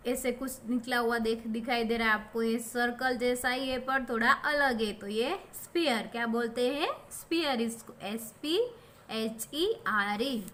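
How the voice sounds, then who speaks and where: A woman teaching young children, speaking with an Indian English accent in a slightly high voice. She talks very slowly and patiently, spelling each word out letter by letter and asking the class questions. A faint background hiss runs under the recording. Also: fairly bright tone. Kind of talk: online primary school lesson.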